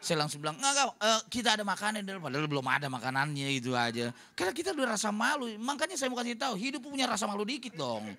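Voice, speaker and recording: A man's voice: high voice, very animated, fast talker, hardly any pauses, sharp tone. A man preaching a humorous sermon as a pastor, telling stories and acting out what others said. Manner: storytelling, jokey, acts out quotes. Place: church hall.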